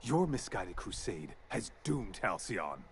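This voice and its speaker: An actor playing a pompous, contemptuous corporate executive who coldly threatens the player in a video game. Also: male voice, low voice, very animated, slow pace, a little hiss or hum, heavily acted. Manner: haughty, contemptuous, cold threats. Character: pompous corporate executive villain, middle-aged man.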